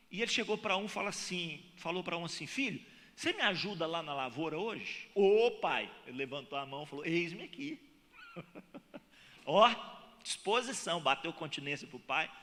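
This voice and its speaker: A Brazilian pastor preaches with a lively, swooping delivery and a bright, forceful tone. He acts out dialogue in changing voices. His voice rings with the long reverb of a church hall. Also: on the high side. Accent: Brazilian Portuguese. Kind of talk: sermon.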